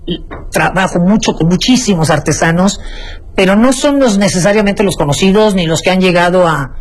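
Husky Mexican woman, eager talker. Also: on the low side, moderate pace, poor audio. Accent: Mexican Spanish. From Mexico City. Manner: enthusiastic, many restarts and fillers. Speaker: guest, folk art shop founder. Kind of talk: conversational interview.

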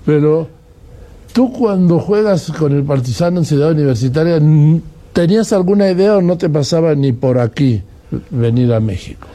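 A man's voice: a little high, moderate pace, dark tone. A man in his seventies from Mexico interviewing a guest, often affirming and recounting dates and history. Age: 70s. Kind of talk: conversational interview.

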